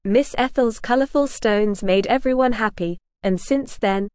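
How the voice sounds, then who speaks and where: A woman reading a children's storybook aloud in an even, clear storytelling manner. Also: a little high, unhurried, no echo, studio quality.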